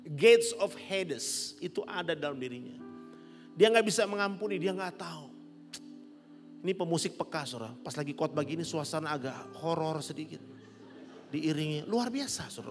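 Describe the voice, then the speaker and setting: Middle-aged pastor preaching in echoing hall. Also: male voice, fairly high pitch. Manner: animated, rising to loud peaks, laughing with the congregation. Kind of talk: sermon. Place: large church hall. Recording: long church hall reverb with soft music.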